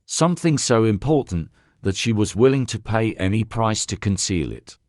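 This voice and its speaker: A man reading as a soft-spoken old detective. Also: lowish voice, expressive, moderate pace, no echo, studio quality, lightly acted. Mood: calm probing. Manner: soft, courteous questioning with French words. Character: elderly male Belgian detective, calm and probing.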